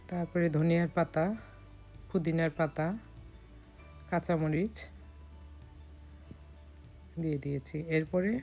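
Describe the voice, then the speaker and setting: A hoarse woman from Bangladesh gives calm step-by-step recipe narration as a cooking vlogger. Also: sits low.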